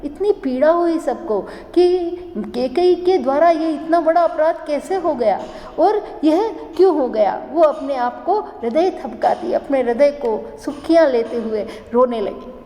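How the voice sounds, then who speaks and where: High-voiced woman teaching poetry in an echoey room. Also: lively intonation, a little slow, hardly any pauses, warm tone. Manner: reads verses aloud and paraphrases them with feeling. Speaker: Hindi literature teacher. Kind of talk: explaining classical poetry line by line.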